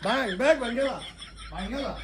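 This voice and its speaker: Fast, high-voiced man in a noisy sketch. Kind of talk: comic sketch acting. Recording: noisy background.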